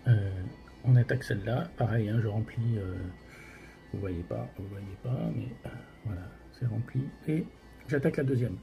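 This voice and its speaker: A man's voice: lowish voice, normal speed, creaky, over music. A man gives casual, hesitant tasting commentary as a host, his mouth burning from spicy food. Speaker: host of a hot sauce tasting challenge.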